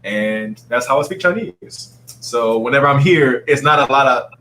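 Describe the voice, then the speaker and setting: A man with a bright, forward voice talks as an interview guest, animated and quick to act out other people's lines. A faint hum sits in the background of the recording. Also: medium pitch, poor audio. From Saudi Arabia. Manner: animated storyteller, acts out quotes. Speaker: guest dancer. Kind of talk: casual interview talk.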